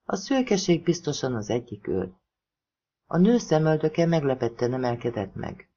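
A narrator from Hungary reading a thriller novel aloud in an expressive audiobook style. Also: medium pitch, dull audio.

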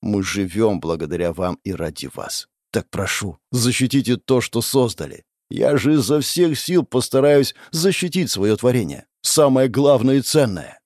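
A man playing a gentle, devout tree demon father who speaks quietly and with sighs, over guitar music. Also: mid-range voice, lively intonation, normal speed, hardly any pauses, no echo, studio quality, lightly acted. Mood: prayerful. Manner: quiet, sighing, whispering. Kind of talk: audiobook character voice.

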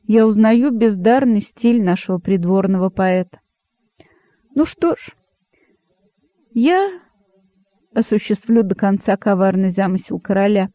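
A man's voice: high-pitched, no room sound. A man voicing a grave rabbit sage. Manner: calm, grave, measured. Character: wise sad old rabbit sage, calm. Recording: dry, narrow phone-like sound.

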